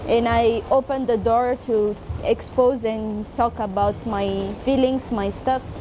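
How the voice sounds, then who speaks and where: A woman from Eritrea speaks very slowly in halting English, with a fairly high voice. Clear traffic noise runs behind her. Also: steady tone. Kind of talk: testimony interview.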